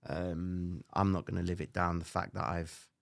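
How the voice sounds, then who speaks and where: With a gravelly voice and moderate pace, a Cypriot-accented livestream trading host reads viewer comments and talks right to his audience. The tone is casual, full of "all right?" questions and the occasional curse. He moves between loud, lively lectures and low muttered asides.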